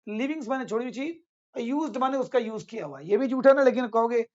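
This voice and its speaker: A man's voice: very high-pitched, animated, fast, a little mellow, lo-fi sound. Man drilling English words in class. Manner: repeats each word and its meaning, addresses students as friends. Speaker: English teacher. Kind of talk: casual vocabulary lesson.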